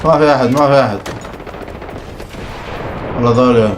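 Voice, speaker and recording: A young man talks quickly through a shooter game, teasing and muttering complaints as he plays. His voice sits at a middling pitch, and faint gunfire runs underneath. His delivery is excitable and conversational. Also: noisy background. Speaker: gaming streamer. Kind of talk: live gameplay commentary. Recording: game audio with gunfire behind.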